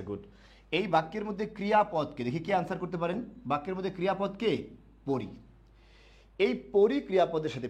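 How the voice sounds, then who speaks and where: A man teaching a live online grammar class to admission students. He asks the students questions and answers them himself, repeating key words slowly. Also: medium pitch, darkish tone.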